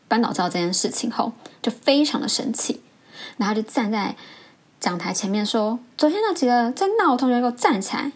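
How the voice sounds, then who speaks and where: A woman hosting a podcast, telling a story from her school days in a reflective way and acting out the people she quotes. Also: slightly rough. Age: adult. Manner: reflective, acts out quoted voices with rising pitch. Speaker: podcast host. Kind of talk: storytelling a childhood memory.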